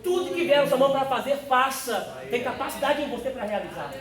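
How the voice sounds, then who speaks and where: In a church classroom, a pastor with an extremely high-pitched, animated voice teaches theology a little fast, preaching fervently and exclamatorily while calling on listeners by name. The recording is roomy and distant-miked, with faint noise and crowd sounds.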